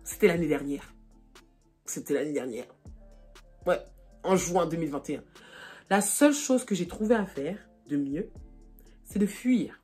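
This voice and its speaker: A young woman vlogger telling a casual storytime, animated and excitable, her voice jumping high when she gets embarrassed. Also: measured pace, long pauses, slightly rough, faint music behind. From France. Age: young adult. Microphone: phone camera.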